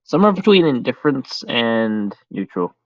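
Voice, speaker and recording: A man's voice: medium pitch, sing-song, normal speed, dry recording. An American man hosting a voice chat, talking in a laid-back, hesitant way. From United States. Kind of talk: casual chat. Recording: dull lo-fi sound.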